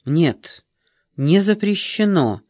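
A man's voice: fairly high pitch, big pitch swings, takes it slowly, darkish tone, dry recording, clean studio sound, full character voice. Man reading a firm, probing young woman. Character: young woman in her twenties, persistent questioner. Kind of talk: audiobook character reading.

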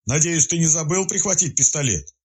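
A wheezing investigator, anxious and careful with his words, as a male storyteller puts him on. His voice is lifted above the reader's own and carries a husky grain, lively in its rise and fall. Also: fairly high pitch, voice pushed up. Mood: tense. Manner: wheezing, measured.

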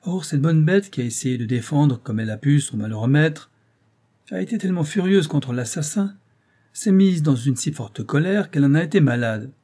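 A man reading an audiobook, voicing a polite, cunning gentleman detective who speaks courteously and with insinuation. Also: a little high, expressive, moderate pace, pitched above the performer's own voice.

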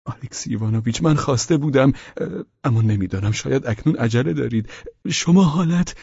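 A man reading aloud and voicing a fawning, nervous middle-aged man in a raised, halting voice. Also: lively intonation, creaky, a little mellow, husky, dry recording, dull audio. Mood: eager. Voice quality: high, strained, halting with hesitations.

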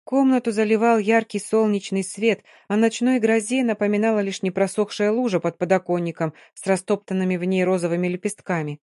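Woman audiobook narrator, even expressive reading, dry close mic. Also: medium pitch, fairly quick, hardly any pauses, no echo. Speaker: audiobook reader. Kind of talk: scripted narration.

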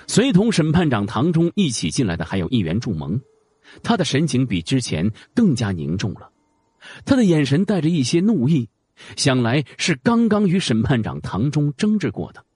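A man narrating a fantasy audio drama in a dramatic, expressive way. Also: mid-range voice, normal speed, breathy edge, dry recording.

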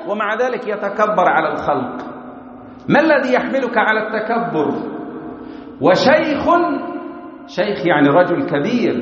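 Guy giving a friday sermon, fired-up questions, big echoey mosque, muffled sound. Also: sits high. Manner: impassioned, rhetorical questions, rising emphasis. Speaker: preacher. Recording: echoey hall, dull lo-fi sound.

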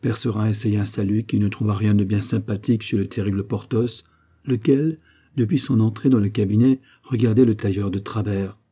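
A male audiobook narrator telling a classic novel in a measured way. His voice is very dark and husky. It sits somewhat low. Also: steady tone.

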